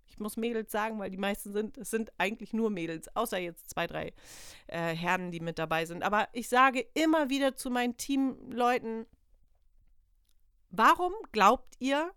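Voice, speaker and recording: A woman's voice: medium pitch, fairly even intonation, fairly quick, fairly bright tone, smooth, dry recording, studio quality. A woman hosting a motivational podcast, talking earnestly in a coaching manner and asking her listener many rhetorical questions. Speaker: podcast host, self-employed team leader. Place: lives in northern Germany.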